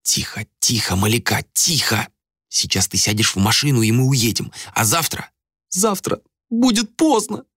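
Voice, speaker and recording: A man voicing a stern young male ruler who gives firm, hushed commands in an audiobook. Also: medium pitch, big pitch swings, normal speed, no room sound, studio quality, voice pushed up.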